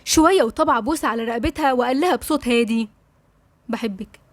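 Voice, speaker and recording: A woman with an Egyptian accent narrating a novel in a steady storytelling manner. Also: high-pitched, rapid-fire, dry recording. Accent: Egyptian Arabic. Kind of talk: scripted narration.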